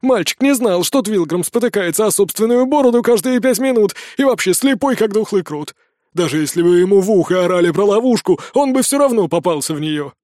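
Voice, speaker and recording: A man voicing a small red-bearded old dwarf healer who grumbles and mocks in a high, almost tenor voice. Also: lively intonation, fairly quick, darkish tone, no echo, studio quality. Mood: mocking banter. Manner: mocking, grumbling.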